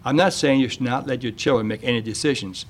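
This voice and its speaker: A man hosting a radio show, reading a measured, plain-spoken monologue on parenting and then interviewing a guest. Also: mid-range voice, a little hiss or hum.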